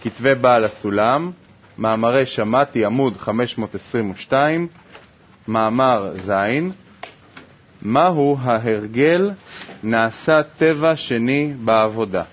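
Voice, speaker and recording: A man reading a text aloud in a study lesson, in a quick, steady recitation. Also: mid-range voice, slight background noise. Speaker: reader. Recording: dull lo-fi recording.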